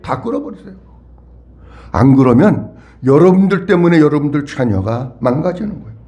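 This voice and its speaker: Animated high-pitched preaching man. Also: moderate pace. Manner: animated preaching with call-and-response. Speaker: pastor. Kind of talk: sermon.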